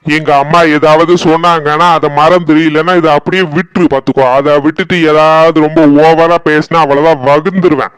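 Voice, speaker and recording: A man's voice: a little high, flat delivery, a little fast, fairly bright tone, lightly acted. A man voicing a harried adult son stuck between his wife and his mother in a cartoon, speaking with a Kanyakumari Tamil accent in an exasperated, pleading way.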